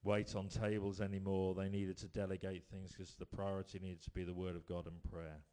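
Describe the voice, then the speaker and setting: Male preacher, lowish voice, storytelling sermon, swings from bold to hushed. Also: level tone, brisk. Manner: storytelling, rising to emphatic bursts then dropping quiet.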